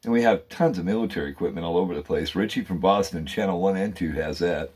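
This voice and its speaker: A man's voice: low voice, fast talker, darkish tone, husky. A man hosting his own channel, delivering a rambling, fervent monologue and calling out to viewers as guys and man. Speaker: channel host.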